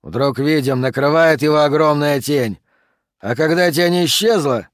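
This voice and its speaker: A man voicing a proud, blunt barbarian warrior in an audiobook, with a loud, gruff, raised voice. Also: fairly high pitch, measured pace, no echo, studio quality, natural voice. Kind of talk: audiobook character voice.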